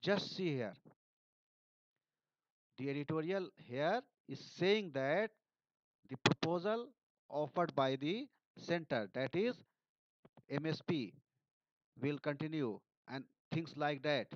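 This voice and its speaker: Man, indian english accent, higher voice, dry muffled recording, reads then explains. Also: lively intonation, takes it slowly, pauses often, dry recording. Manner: reads passages aloud then explains word meanings. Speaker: teacher. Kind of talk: editorial analysis lesson. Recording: dull, dry sound.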